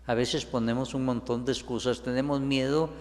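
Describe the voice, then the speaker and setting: A man preaching a sermon as a priest, whose voice rises higher and stronger when he quotes biblical figures. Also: flat delivery, moderate pace, darkish tone. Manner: preaches with rising pitch and force when quoting biblical figures. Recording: long reverb in a large hall.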